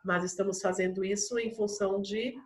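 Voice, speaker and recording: A woman's voice: mid-range voice, steady tone, brisk, a little mellow. Patient woman teacher in an echoey room. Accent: Brazilian Portuguese. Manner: patient, explains step by step to young pupils. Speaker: primary school teacher. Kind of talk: recorded online class for children. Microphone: camera mic.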